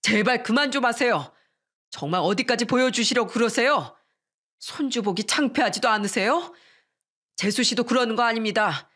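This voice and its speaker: Fed-up husband, read by a woman in her own voice, firm and plain. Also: fairly high pitch. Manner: pleading, shouting. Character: exasperated grown man, the husband. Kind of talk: storybook reading.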